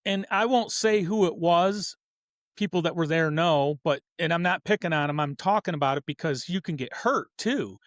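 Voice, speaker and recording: A man in his fifties hosts a hobby racing show, offering casual, opinionated talk in an earnest, rambling style and correcting himself along the way. His voice sits on the high side at a moderate pace, recorded with studio quality and no echo.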